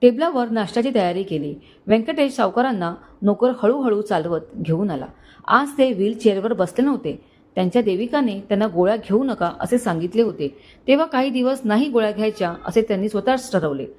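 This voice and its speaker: A woman reads a romantic family story aloud as its narrator. Her delivery is steady and measured, and her voice sits at an ordinary, mid pitch.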